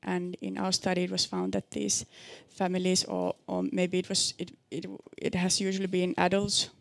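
Gravelly, flat-toned woman presenter. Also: lowish voice, normal speed, no echo. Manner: hesitant, many fillers and restarts. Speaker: researcher presenting a study. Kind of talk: answering audience questions at a seminar. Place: seminar room with an audience.

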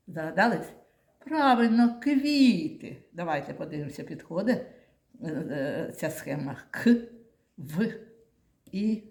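A woman teacher speaks slowly and patiently to a class of young children, coaxing answers and praising them often. Her voice rings with the echo of a classroom. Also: fairly low pitch, darkish tone. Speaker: primary school teacher. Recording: echoey classroom.

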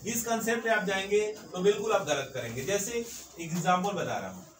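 A man's voice: high-pitched, very animated, a little fast, a bit bright. A man teaching an English grammar lesson, emphatic and repetitive, often adding "sir" as he drives his points home. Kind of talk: classroom-style grammar lesson. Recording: echoey room, mic far off, background noise.

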